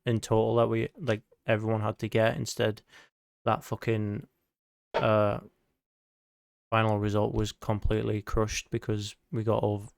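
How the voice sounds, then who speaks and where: A man's voice: on the low side, creaky, a little mellow, no echo, clean studio sound. A man hosting a casual gaming podcast, rambling with lots of fillers and the odd swear word. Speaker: podcast host.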